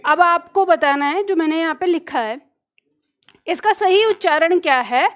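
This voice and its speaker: A woman's voice: very high-pitched, normal speed, fairly bright tone. A woman teaching a grammar class, explaining at a board and quizzing her students on how words are pronounced. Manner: quizzes students with pronunciation choices. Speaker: Hindi teacher. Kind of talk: classroom lecture.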